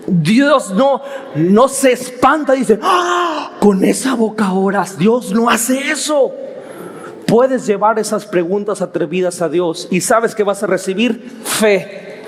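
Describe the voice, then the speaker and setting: A man, a pastor preaching a sermon with emphatic repetition and rising questions. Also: sits high. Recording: hall reverb.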